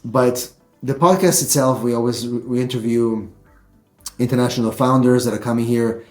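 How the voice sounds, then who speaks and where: A man's voice: medium pitch, steady tone, normal speed, echoey room, faint music behind. A man hosting a podcast interview from his home studio, talking casually with many fillers and restarts. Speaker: podcast host.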